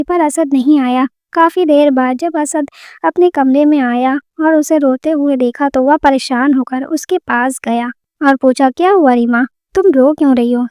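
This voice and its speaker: A woman narrating a romantic drama story in a steady, scripted storytelling manner. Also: high-pitched, no echo, studio quality.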